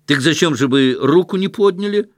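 A man performs an earnest, literal young schoolboy, pitching his voice above his own and acting it lightly. The boy sounds plaintive and pedantic, delivered expressively at a moderate pace in a dry, clean studio recording.

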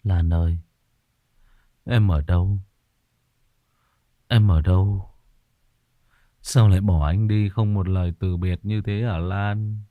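A man's voice: sits low, fairly even intonation, takes it slowly, pauses often, dry recording, narrow, tinny audio. A man playing a dazed young man pleading for a girl who vanished. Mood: grieving. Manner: pleading, lost, calling out.

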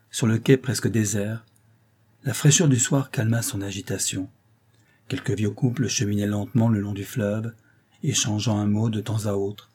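Low, husky male audiobook narrator. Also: dark tone. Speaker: audiobook reader. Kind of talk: scripted narration of a novel.

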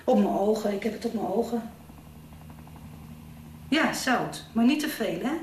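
A woman's voice: on the high side, lively intonation, measured pace, darkish tone, reverberant, slight background noise, poor audio. An actress in a radio play as a young woman on the phone with her mother, fussy, caring and exasperated. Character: young woman alone at home, anxious, caring. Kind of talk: radio drama acting.

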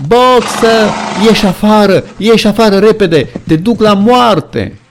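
A man's voice: sits high, expressive, background noise, pitched above the performer's own voice. A man voicing a desperate old female carthorse in a storybook reading, screaming at full strength.

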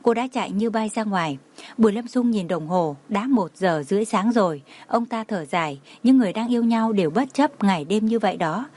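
Lady reading a romance novel out loud, calm steady delivery, middle pitch. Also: fairly quick. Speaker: audiobook narrator. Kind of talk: scripted narration of a romance novel.

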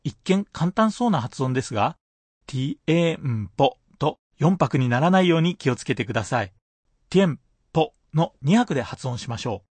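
A man's voice: mid-range voice, breathy edge, no echo. A man teaching a radio language lesson, patiently explaining pronunciation point by point.

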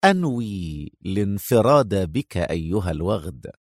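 A man voicing a calm, menacing male general who talks slowly in sarcastic, mocking tones, pitched below his own voice. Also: no room sound, clean studio sound.

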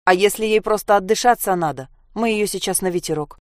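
A woman voicing a stout, calm man who reasons steadily. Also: medium pitch, a little fast, dry recording, clean studio sound, natural voice. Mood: calm, reasoning.

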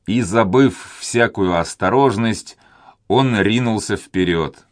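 Low-voiced guy reading an audiobook, dry close sound, calm and measured. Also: no echo. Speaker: audiobook reader. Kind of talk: scripted narration.

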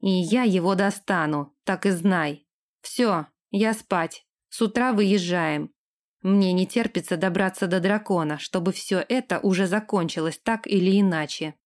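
A woman's voice: lowish voice, unhurried, lightly acted. A woman reading an audiobook, voicing a scheming, harsh young lord who gives orders. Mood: commanding. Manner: harsh, commanding.

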